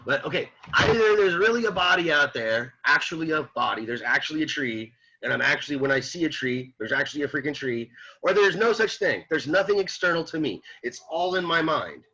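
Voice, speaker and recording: Male philosophy lecturer, bright forceful husky voice, animated and repetitive, dull lo-fi classroom audio. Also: on the high side, fairly quick. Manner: animated, repeats himself, rhetorical questions to students. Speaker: philosophy teacher. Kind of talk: classroom lecture reading and explaining a text.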